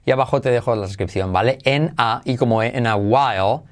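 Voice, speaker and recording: A man teaches English pronunciation on a podcast. He is playful and repeats each word slowly for the listener to copy. His voice sits at an ordinary middle pitch. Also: soft background music. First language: Spanish. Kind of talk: podcast lesson.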